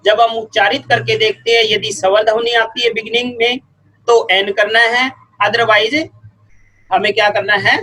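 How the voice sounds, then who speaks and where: Very high-voiced, bright male teacher. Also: fairly even intonation, poor audio. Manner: repeats words slowly to show their sounds; patient, step-by-step explaining. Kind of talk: grammar lesson explanation.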